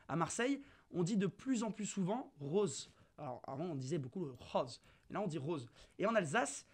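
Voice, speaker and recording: Young male debater, formal read argument, slightly high voice. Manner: formal, addresses listeners. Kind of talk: prepared argument read on radio.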